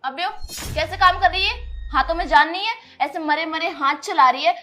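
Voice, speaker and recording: A woman's voice: very high voice, normal speed. An actress playing a cruel, bossy young wife who harshly mocks and threatens her sister-in-law. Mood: scolding, mocking. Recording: background score music.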